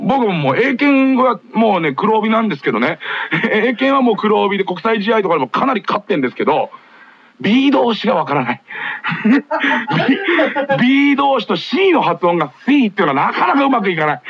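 A man's voice: high voice, sing-song, moderate pace, slightly rough. A man hosting a late-night radio show, telling rambling comic stories with frequent laughs, taped off the air in lo-fi. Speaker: radio host. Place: radio studio.

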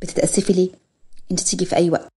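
A woman's voice: fairly low pitch, level tone, rapid-fire, mellow, slightly rough. A woman with an Egyptian accent voicing a weary young male doctor who speaks earnestly and hurt. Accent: Egyptian Arabic.

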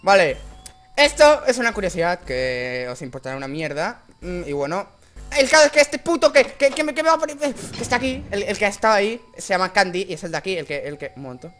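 A man with a Spanish accent from Spain, a high and reedy voice, commentating a horror game while swearing constantly and breaking into frightened screams. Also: big pitch swings, fast talker, fairly bright tone, soft background music. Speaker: gameplay commentator.

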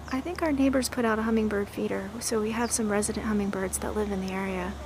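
Relaxed woman touring her backyard garden. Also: medium pitch, fairly quick, a little hiss or hum. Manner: relaxed, admiring, thinks aloud with fillers. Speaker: gardener giving a garden tour. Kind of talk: casual walking tour narration.

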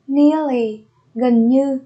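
A woman's voice: sits high, fairly even intonation, dark tone, muffled recording. A woman teaching an English lesson, saying each word twice and then explaining it. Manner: repeats each word slowly, then glosses it. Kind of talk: vocabulary lesson.

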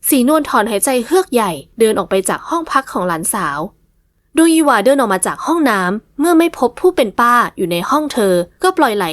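A woman narrating a romance novel in a scripted, expressive reading. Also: a little high, no room sound. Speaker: audiobook narrator.

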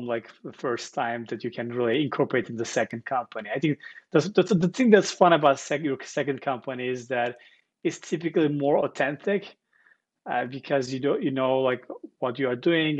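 A man's voice: mid-range voice, lo-fi sound. A man, a guest telling his story earnestly over a video call, often repeating words as he searches. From Turkey. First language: Turkish. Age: 40s. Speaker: guest founder. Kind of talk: casual interview storytelling. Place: living room with armchairs, indoors. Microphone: earbuds on video call.

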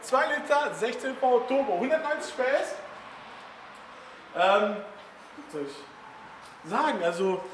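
Chatty high-voiced man in a garage. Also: slight background noise. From Italian family background. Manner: chatty, laughs often, frequent "ne?" tag questions. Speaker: car garage vlogger. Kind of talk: casual chat.

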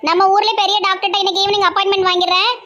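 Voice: very high voice, flat delivery, very fast, sharp tone, a little hiss or hum. A performer with a Tirunelveli accent in a comedy sketch, talking in a doting, gushing way that fusses over everyone. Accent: Tirunelveli Tamil. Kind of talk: scripted comedy sketch acting.

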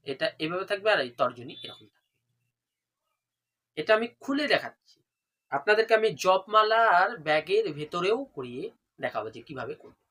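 A man teaches a devotional practice step by step, in a voice that is bright and somewhat breathy and sits a little high for a man. He keeps asking his listeners what to do next and then answering, and he slows right down to chant the mantras. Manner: asks rhetorical questions then answers them. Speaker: religious instructor. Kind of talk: devotional how-to demonstration.

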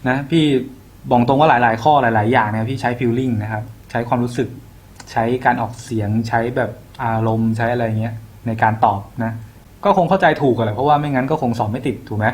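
A man's voice: mid-range voice, a little fast. A young man tutoring for an exam in a casual, slangy way, talking to students like an older brother. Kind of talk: casual exam-prep lesson.

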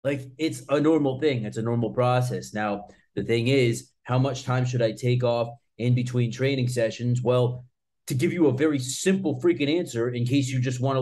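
Speaking to camera as a martial arts channel host, a man in his mid-thirties gives casual, blunt, emphatic advice in informal, sweary language. His mid-range voice has a warm tone.

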